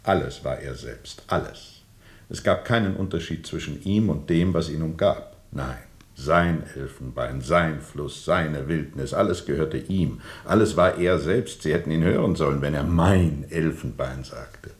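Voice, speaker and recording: An actor playing a haunted sea captain in a radio drama, brooding and intense, moving between whispers and forceful declamation. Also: male voice, rumbling low, measured pace. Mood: grim, bitter. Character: haunted, feverishly intense sea captain recounting a jungle ordeal. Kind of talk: German radio drama monologue.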